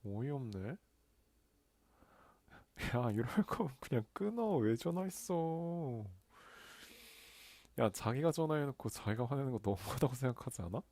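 A young man in a soft whispered role-play, playing a male friend who teases and comforts her on a late-night phone call. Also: mid-range voice, fast talker, hardly any pauses, no echo, close to an everyday voice. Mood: mock annoyed. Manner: playful teasing banter, soft and close. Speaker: ASMR creator.

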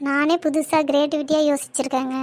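A woman's voice: high-pitched, flat delivery, fast talker, over music. A woman performing comic skits in a playful, bantering way. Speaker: comedy sketch performer. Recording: noisy recording.

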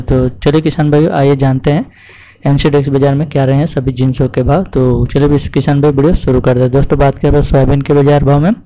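A man's voice: medium pitch, mellow, a little hiss or hum, low-quality recording. A man hosting a channel, reading out market prices to farmers in a repetitive, formulaic way and calling listeners friends. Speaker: commodity price channel host.

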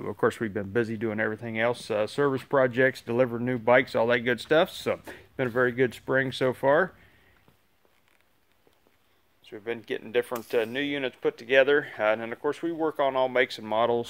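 A man's voice: mid-range voice, clean tone. A man giving a casual, rambling update while walking through his motorcycle shop, filming on a phone. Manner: relaxed, rambling, many "uh" fillers. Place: large indoor motorcycle shop and showroom. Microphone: phone camera held while walking.

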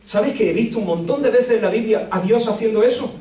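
A man from Spain with a Spanish accent preaching a sermon at a church retreat, dramatic, swinging between loud outbursts and hushed lines. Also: sits high, a little fast. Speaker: pastor. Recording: echoey room, distant mic.

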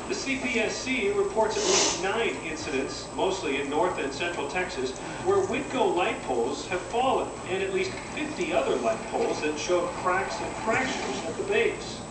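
A man's voice: high-pitched, sing-song, normal speed. A man reading a scripted television news report as a reporter. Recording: distant TV in echoey, very noisy room.

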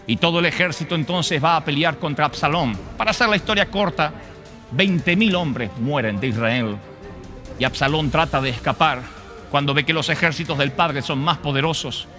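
A man's voice: on the high side, normal speed, faint music behind. A male preacher retelling a story in a sermon, dramatic and acting out the voices. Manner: dramatic, acts out voices, shifts loud and soft.

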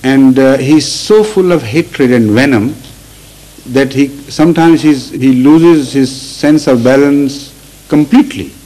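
Halting man giving a scripture lecture. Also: medium pitch, dark tone, rough recording. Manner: deliberate, with frequent restarts and repeated words. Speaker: religious teacher. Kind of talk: Quranic commentary lecture.

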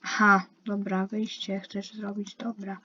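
A woman's voice: mid-range voice, flat delivery, measured pace, bright, forceful tone. A young woman giving casual, chatty commentary while playing an online game, complaining and talking to herself and the other players. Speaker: gaming youtuber. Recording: dull lo-fi mic with faint hiss.

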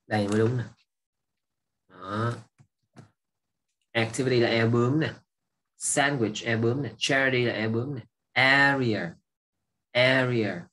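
A man's voice: mid-range voice, steady tone, normal speed, pauses often, fairly bright tone. A man, an English teacher going over an exam and patiently repeating words while checking that students follow. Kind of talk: exam review lesson.

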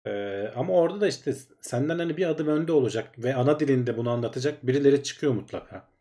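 A man co-hosting a casual podcast in a relaxed, conversational way with many fillers. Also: mid-range voice, quick pace. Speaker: co-host.

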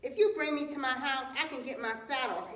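A woman's voice: sits high, a little fast, fairly bright tone, slight background noise. Woman doing a sly, wheedling hare. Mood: coaxing. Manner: wheedling, coaxing. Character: sly scheming male hare. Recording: echoey room, distant mic.

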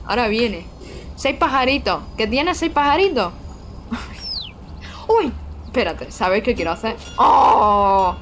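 A woman's voice: fairly high pitch, fairly bright tone, a little hiss or hum. A young woman chatting casually with her live-stream viewers while playing, frank and swearing casually. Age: young adult.

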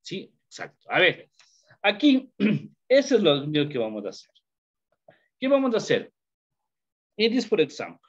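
A man's voice: high voice, wildly swooping pitch, moderate pace, long pauses, breathy edge. A man teaching an English class online, switching between Spanish and English and encouraging his students. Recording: dull lo-fi audio.

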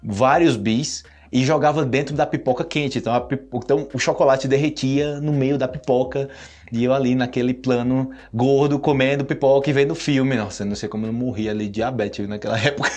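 A man's voice: mid-range voice, a little mellow. A man from Brazil with a Brazilian Portuguese accent, giving a casual, playful video lesson and acting out sounds as he explains words. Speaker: Portuguese teacher.

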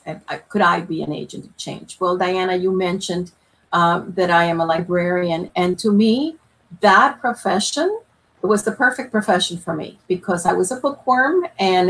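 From a room at home on a video call, a woman who is an author and former librarian answers a panel question earnestly and thoroughly, dropping self-deprecating asides. Her mid-range voice has a breathy edge, and the recording is rough.

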